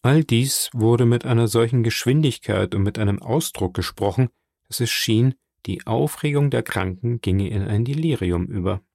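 A man narrating an audiobook in an even, measured reading. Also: mid-range voice, creaky, dry recording, studio quality.

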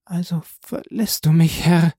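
A man's voice: on the high side, moderate pace, mellow, dry recording, studio quality, pitched above the performer's own voice. A man reading aloud voices a devoted young woman who speaks in a tender, pleading, tearful way. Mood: imploring.

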